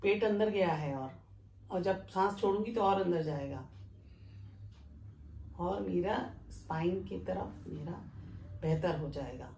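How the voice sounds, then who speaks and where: A woman yoga teacher giving a calm, step-by-step breathing lesson while she demonstrates it. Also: fairly low pitch, unhurried, long pauses. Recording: echoey room with faint background noise.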